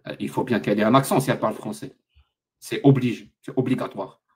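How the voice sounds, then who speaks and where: A man hosting a live online debate, pressing his guest with sarcastic rapid questions. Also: fairly low pitch. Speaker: debate host.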